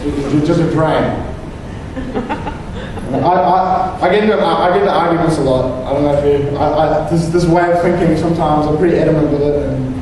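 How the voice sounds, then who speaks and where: A man's voice: fairly high pitch, steady tone, brisk, background noise. Casting note: young male comic from New Zealand, rambling set with many restarts, heard in a roomy hall with a long tail. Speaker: stand-up comedian. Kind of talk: stand-up comedy set. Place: comedy venue stage. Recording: echoey hall, mic picked up from a distance.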